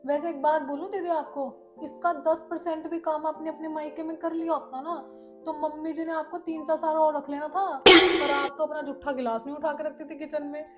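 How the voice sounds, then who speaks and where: Sly teasing woman with a high voice. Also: level tone, moderate pace, soft background music. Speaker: skit actor and channel host. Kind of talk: scripted comedy skit acting.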